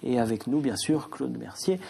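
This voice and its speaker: A man's voice: mid-range voice, normal speed, creaky, dark tone, slightly rough. A man hosting a TV talk show, presenting in a light, conversational and teasing way. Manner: jokey, teasing.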